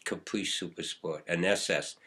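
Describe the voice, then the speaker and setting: Older man, low voice, rambling. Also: fairly even intonation, moderate pace, sharp tone, slightly rough. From Boston, USA. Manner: rambling, reminiscing, chuckles often. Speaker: guest poet. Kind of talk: casual interview chat.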